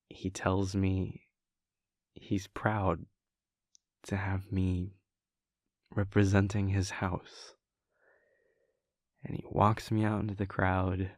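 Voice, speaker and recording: Here the same vampire-prince boyfriend sounds fond and proud, his low, creaky voice still drawling along relaxed and conversational, broken by hesitations and soft chuckles. It's an intimate roleplay piece, heavily acted, captured at studio quality with no room sound.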